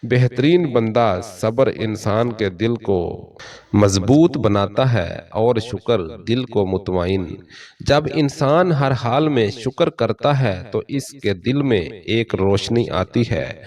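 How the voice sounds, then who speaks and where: Solemn preaching man, low voice. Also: a little mellow, distant mic. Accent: Pakistani Urdu. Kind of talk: scripted motivational sermon narration.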